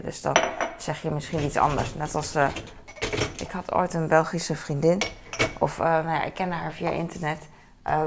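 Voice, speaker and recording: A woman's voice: low-pitched, creaky, noisy background. A woman chatting casually to camera at home in her kitchen, rambling with many fillers and asides to herself. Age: adult with a son. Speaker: vlogger. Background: dishes and cutlery clatter.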